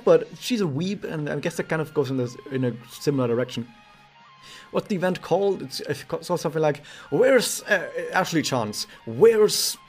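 Fast-talking man hosting a gaming vlog. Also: a little high, a little mellow. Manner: rambling, quick with frequent restarts. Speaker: gaming news channel host. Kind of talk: casual gameplay commentary vlog.

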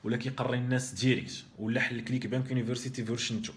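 A man with a Moroccan Arabic accent hosting a live stream, answering viewer questions in a rapid, emphatic way that repeats and restarts phrases. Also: mid-range voice, fairly even intonation. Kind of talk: casual live Q&A.

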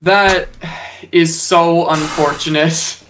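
A man's voice: fairly high pitch, fairly even intonation, slow pace, background noise. A man chatting casually as a companion commenting on someone's game. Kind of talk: casual chat.

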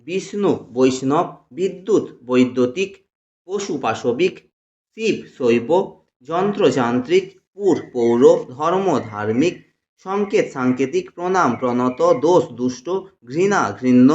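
A man's voice: mid-range voice, darkish tone. A man teaching a grammar lesson on a channel, steadily reciting long lists of word pairs to his students. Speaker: grammar tutor. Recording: echoey room, dull lo-fi sound.

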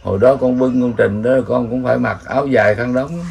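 An older man with a Southern Vietnamese accent, telling old village stories in a rambling, animated way, chuckling now and then. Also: mid-range voice, fairly quick, gravelly, husky. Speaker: elder storyteller. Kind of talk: casual storytelling.

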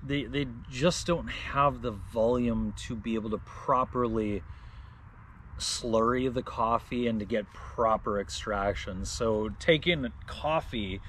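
Man, casual gear vlogger, mid-pitched and easygoing, thinks aloud, faint noise behind. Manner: relaxed, chatty, thinks aloud. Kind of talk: casual product demo.

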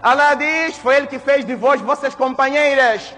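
High bright-voiced preacher in a hall. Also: male voice, normal speed. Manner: impassioned, swings from loud exhortation to hushed storytelling, recites Arabic verses. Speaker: Friday sermon preacher. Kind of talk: Friday mosque sermon. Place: mosque hall. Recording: reverberant mosque hall.

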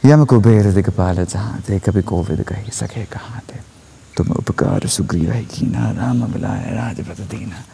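A young man reciting a devotional text in a soft spoken-word style, often half-whispered, recorded outdoors in a forest on an earphone mic with his phone held at arm's length. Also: fairly low pitch, gravelly, a little hiss or hum. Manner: slow, hushed, often whispered delivery. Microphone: wired earphone mic, phone at arm's length.

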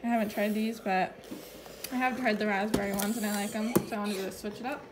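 Talking fast in a mid-range voice, a thirty-something mom narrates her grocery haul casually, filming on a phone held over her kitchen counter. The home recording is noisy, with kids chattering and loud sound behind her.

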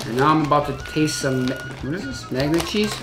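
A man's voice: fairly high pitch, animated, normal speed. A man talking casually as he does a taste test at a table indoors. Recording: echoey room, music underneath.

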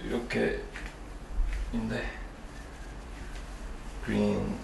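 An Irish man in his twenties, a native English speaker, chatting casually in a halting way in a second language. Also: lowish voice, huge pitch swings, gravelly. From Ireland. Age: 20s. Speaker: documentary subject. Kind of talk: casual chat. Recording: ambient background noise.

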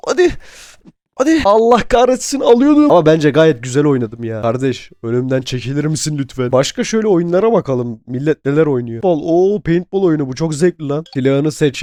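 Young guy sick and hoarse, fast excitable gaming commentary, dark dry sound. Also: mid-range voice, dry recording. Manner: excitable, shouts and swears at the game. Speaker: gaming YouTuber. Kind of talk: gameplay commentary.

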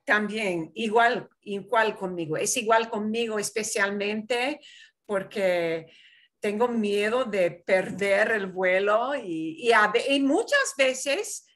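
A woman's voice: medium pitch, expressive, takes it slowly, fairly bright tone. A woman from Michigan teaching Spanish in an online class, patiently explaining and switching into English to clarify. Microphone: video call.

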